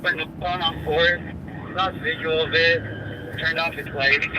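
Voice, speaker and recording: A police officer speaking over a police radio transmission in clipped codes and call numbers. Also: male voice, on the high side, little pitch movement, moderate pace. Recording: loud static over scanner feed.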